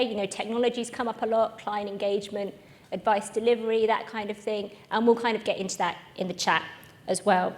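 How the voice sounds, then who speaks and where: A woman hosting a live conference session, chatty and self-mocking. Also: a little high. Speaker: event host. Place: conference room with live audience.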